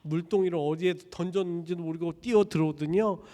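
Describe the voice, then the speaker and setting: A man preaching a sermon as a pastor, telling the story with lively voices for each character. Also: a little high, fast, in a large hall. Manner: animated storytelling, acting out characters' lines. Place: church sanctuary.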